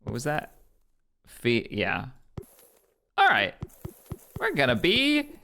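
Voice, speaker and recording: A man's voice: mid-range voice, pushed and bright, slight background noise. A man streaming a game live, chatting casually, reading on-screen prompts aloud and answering his chat. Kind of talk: casual live gameplay commentary.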